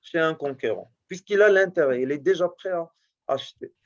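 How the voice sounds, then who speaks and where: A male teacher going over a test in class, speaking haltingly and often checking that his students follow. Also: fairly high pitch, muffled recording. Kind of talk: classroom lesson correcting a test.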